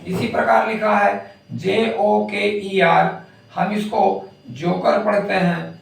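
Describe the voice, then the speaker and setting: A man's voice: high-pitched, flat delivery, slow pace, gravelly. A man teaching English phonics, spelling out words letter by letter and then saying them. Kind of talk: phonics lesson. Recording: echoey room, distant mic.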